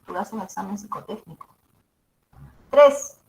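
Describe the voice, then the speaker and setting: A woman's voice: mid-range voice, a little slow, a little mellow. A woman teacher with a mezzo-soprano voice gives a classroom lecture, checking in with her students after each point. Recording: echoey room.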